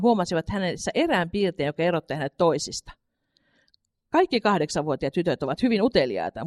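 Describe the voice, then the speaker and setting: A woman's voice: sits low, a little mellow. A woman reading a children's story aloud, unpolished, stumbling now and then and correcting herself. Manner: unpolished reading with slips and restarts.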